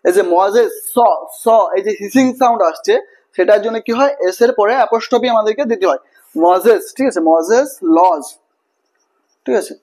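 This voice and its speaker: A man's voice: sits high, a little fast, a little mellow. A man teaching English grammar, repeating himself, spelling words letter by letter and checking in with the class often.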